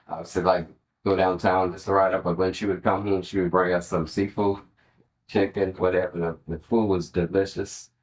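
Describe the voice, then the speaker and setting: A man's voice: deep voice, rough recording. A man giving an oral history interview, sharing recollections as an interviewee.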